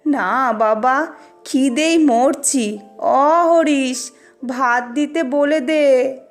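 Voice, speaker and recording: A frail, near-hundred-year-old grandfather in a storybook, whining like a small child, as a woman puts him on. His words come slow and stretched out, with a soft bed of music behind. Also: high voice, heavily acted. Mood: plaintive. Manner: slow, drawn-out, whimpering.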